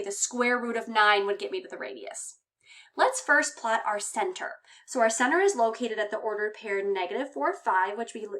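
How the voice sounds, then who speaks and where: A high school math teacher, a woman, explaining a math lesson step by step with patient, clear reminders. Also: a bit bright.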